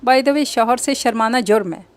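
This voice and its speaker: A woman's voice: fairly high pitch, normal speed, lightly acted. Blunt, teasing young friend, played by a woman reader.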